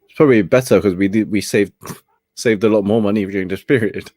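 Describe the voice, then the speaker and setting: A man's voice: fairly low pitch, fairly quick, darkish tone, no echo, studio quality. A young man hosting a casual late-night chat, laid-back and laughing often as he talks. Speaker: host.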